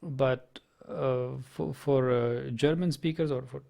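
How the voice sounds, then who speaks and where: A Czech-speaking let's play host gives gameplay commentary slowly, musing aloud with no rush and lots of ums, pauses, and restarted sentences. His ordinary-pitched voice is mellow but carries a gravelly, creaky edge, and he comes across as hesitant.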